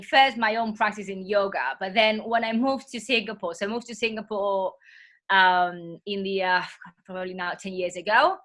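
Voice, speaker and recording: Though she has a cold, this woman's voice stays bright and forward despite its huskiness, sitting at medium pitch. Speaking as a yoga teacher in a relaxed interview, she wanders between ideas, restarting and correcting herself with gentle fillers.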